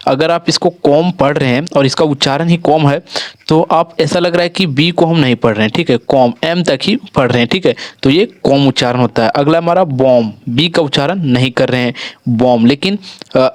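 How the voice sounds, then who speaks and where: A man teaching English spelling in a slow classroom lesson, spelling words out letter by letter and often repeating "theek hai". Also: a little high, no echo.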